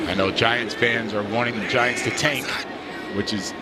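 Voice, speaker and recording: A man's voice: medium pitch, steady tone, normal speed. A man working as color commentator, giving emphatic, conversational analysis of a live football game. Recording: loud stadium noise behind voice. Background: noisy football stadium.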